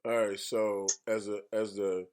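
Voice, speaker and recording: A man's voice: on the low side, level tone, measured pace, darkish tone. A man interviewing in a casual chat, rambling and slangy, often repeating his openers before he gets to the question.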